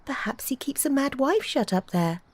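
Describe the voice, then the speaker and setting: Curious young girl, lifted high, warm and eager, as a woman reading puts her on. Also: very animated, moderate pace, husky, no room sound, full character voice. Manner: chatty and eager.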